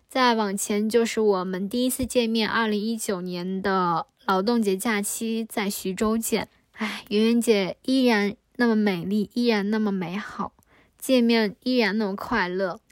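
A woman's voice: medium pitch, no room sound. A woman of twenty-four hosting her own podcast in a chatty, playful solo talk, now and then joking with put-on accents. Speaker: podcast host. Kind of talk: casual solo podcast chat.

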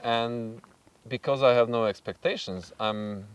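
A man's voice: medium pitch, unhurried, clear, resonant tone, far from the mic. A man co-hosting a podcast, talking casually outdoors with lots of fillers and restarts. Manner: hesitant, many fillers and restarts. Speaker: podcast co-host. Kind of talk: casual chat.

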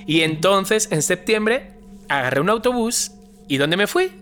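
The voice is a man with a somewhat high voice, telling a long tale in a relaxed conversation. He jumps into the voices of the people he quotes. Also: measured pace, faint music behind. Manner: animated, acts out quoted dialogue. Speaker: guest telling a story. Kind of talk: casual storytelling chat.

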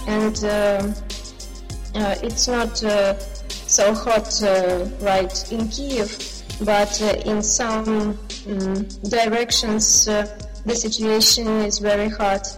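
A woman's voice: mid-range voice, flat delivery, takes it slowly, in a large hall, soft background music, low-quality recording. A woman from Ukraine with a Ukrainian accent, giving interview answers in her second language, hesitant and searching for words. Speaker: band member interviewed as guest.

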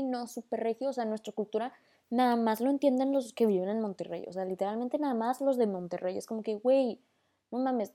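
A young woman with a northern Mexican accent hosts a casual podcast recorded as a voice memo, chatting and rambling freely while slipping English slang into her sentences. Her voice is warm, mellow and middle-pitched.

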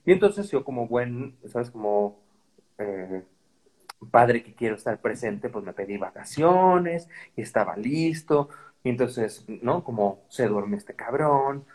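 A man with a Mexican accent talks through his stories in a loose, conversational way. His voice is husky and a little breathy, at an ordinary middle pitch. He swears freely and leans on slang and the filler "¿sabes?". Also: sing-song, measured pace, darkish tone, poor audio. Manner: profane, slangy, peppers speech with "¿sabes?". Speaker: podcast guest. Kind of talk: casual conversational storytelling.

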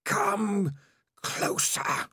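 A man voicing a malevolent, hissing creature that speaks into the mind, slow and drawn out. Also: sharp tone, no room sound, studio quality. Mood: menacing. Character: hissing malevolent many-minded rat creature voice.

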